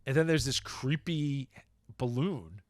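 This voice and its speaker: A man's voice: medium pitch, expressive, slow pace, no echo, studio quality. Rambling man recapping stories on a podcast. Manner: rambling, searches for words, recaps plots. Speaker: podcast host. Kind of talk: casual chat.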